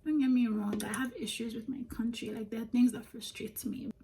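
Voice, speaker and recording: A young woman with a Nigerian accent talks straight to the camera as she does her makeup, candid and animated, laughing easily. Her voice sits a little high. She tells it like it is, in a chatty get-ready-with-me style. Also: a little fast, slight background noise. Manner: candid, animated, laughs often, drops into whispers. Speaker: beauty vlogger.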